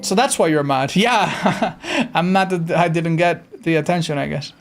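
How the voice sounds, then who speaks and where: A man streaming a video game, chatting casually with his viewers in a slightly raspy, tired voice, animated and swearing freely. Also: fairly high pitch, normal speed, soft background music. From Andorra. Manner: animated, swearing, answers chat while playing. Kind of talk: casual live-stream chat.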